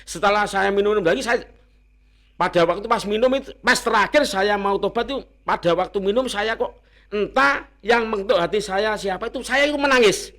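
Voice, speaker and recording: Blunt East Javanese man, higher voice. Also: a little fast, a bit bright. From Indonesia. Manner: blunt and earnest, keeps repeating that he is being honest; rough, plain-spoken. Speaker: interview guest. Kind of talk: candid personal storytelling.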